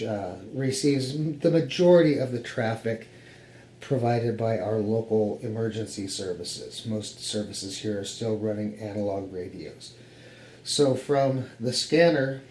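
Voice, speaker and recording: With a warm, mid-range voice, an American man presents his radio setup, giving a casual, explanatory tour of the gear in his home office. He is a hobbyist operator. The room adds a noticeable echo, and there is faint noise in the background.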